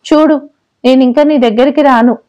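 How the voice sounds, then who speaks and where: A woman's voice: high-pitched, steady tone, normal speed, warm tone, close to an everyday voice. A woman voicing a playful, teasing young wife in an audio story. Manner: teasing, pouty. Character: playful pregnant young wife, mock-sulky.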